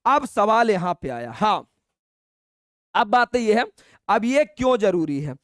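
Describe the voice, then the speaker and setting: Man, maths teacher, coaxing, repeats each step, high voice, dry close sound. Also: very animated, no room sound. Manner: colloquial, coaxing, addresses students as brother; dictates steps slowly and repeats them. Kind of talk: exam-prep lesson.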